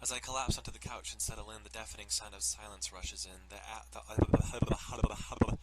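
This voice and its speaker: A let's player reads a visual novel aloud in a casual, informal style, breaking off for joking, sweary asides. His voice is fairly low and steady at a moderate pace, with loud music underneath creating heavy background noise.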